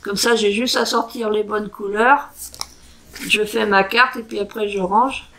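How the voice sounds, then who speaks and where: A woman doing a casual crafting vlog, talking in a hesitant, chatty way and sounding out foreign words slowly. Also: mid-range voice, steady tone, a bit bright, slight background noise, rough recording. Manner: chatty with frequent fillers and self-corrections. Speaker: crafting vlogger. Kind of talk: casual show-and-tell craft chat.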